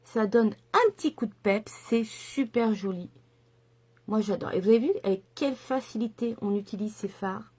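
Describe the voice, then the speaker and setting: A woman's voice: medium pitch, moderate pace, darkish tone, breathy edge. A middle-aged woman chatting enthusiastically through a makeup tutorial, with lots of fillers and asides. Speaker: makeup vlogger.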